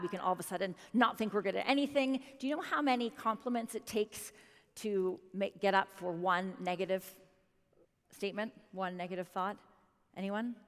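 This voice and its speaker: A woman in her thirties giving a motivational keynote speech, animated and quizzing the audience directly. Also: on the high side. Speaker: keynote speaker. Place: conference hall stage. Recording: long reverb of a large hall.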